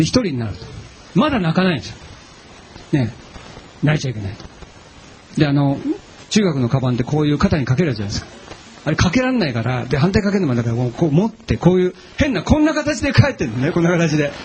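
A male pastor delivering a sermon in a conversational, storytelling way, often turning to the audience with questions. His voice sits a little high for a man and swings widely and expressively in pitch. There is a faint ambient hum behind him. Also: poor audio. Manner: chatty and animated, asks the audience questions. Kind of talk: sermon with personal stories.

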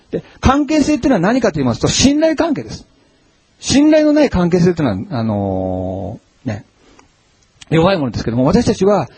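A man's voice: high voice, husky, no room sound. A male pastor giving a conversational sermon, with many fillers and rising emphasis. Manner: conversational, animated preaching with frequent fillers.

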